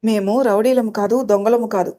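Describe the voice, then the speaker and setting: Woman playing a calm, reassuring young male student. Storybook. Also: mid-range voice, fairly quick, lightly acted. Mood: firm reassuring. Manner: firm, reassuring.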